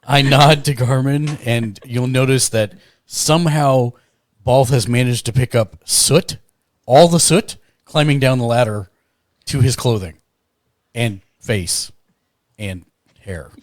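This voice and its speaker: A man's voice: mid-range voice, takes it slowly, dry recording, studio quality. A man playing a tabletop game, mixing casual banter with narration of his character's actions.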